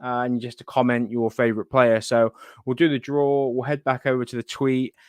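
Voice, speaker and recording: A man's voice: medium pitch, flat delivery, normal speed, a little mellow, smooth, dry recording. A man chatting casually as host of a live gaming stream, thinking aloud and muttering asides to himself. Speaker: livestream host.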